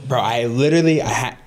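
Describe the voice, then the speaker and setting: A man hosting a podcast in casual, profane, bro-ish chat, laughing often. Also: medium pitch. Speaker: podcast host.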